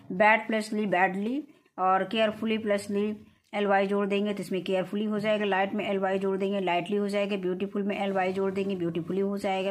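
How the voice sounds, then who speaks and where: A woman teaching from an English textbook. She reads answers aloud slowly with an Indian English accent, then explains them in Hindi with frequent "uh" fillers. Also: mid-range voice.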